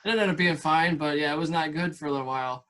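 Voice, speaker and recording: Male podcast host, fairly high voice, relaxed and chatty, loose rambling delivery. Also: fast. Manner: easygoing, chatty, trails off mid-thought. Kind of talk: casual interview chat.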